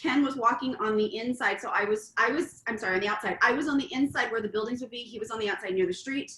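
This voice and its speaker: Speaking quickly with a fairly high, fairly bright voice, a middle-aged woman co-hosts a relationship talk show and explains her point earnestly and at length, using examples. The chat is casual, recorded in an echoey room with faint ambience.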